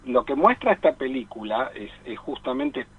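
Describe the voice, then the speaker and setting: Very animated and mid-range in pitch, this man speaks with an Argentine Spanish accent over a noisy crowd, the audio narrow and tinny. A radio team member and film columnist, he gives rambling, halting film commentary and often stops to seek agreement with tag questions.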